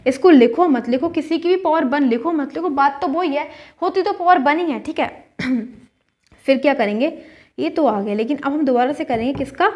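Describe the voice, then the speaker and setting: A woman math teacher with a high voice patiently works through a solution step by step, frequently checking that her students are following along.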